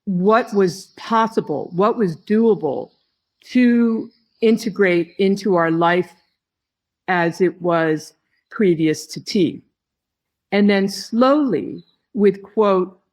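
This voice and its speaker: A woman who heads a tea company, giving slow, reflective interview answers with her phrases broken by pauses. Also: medium pitch. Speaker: tea company head, podcast guest.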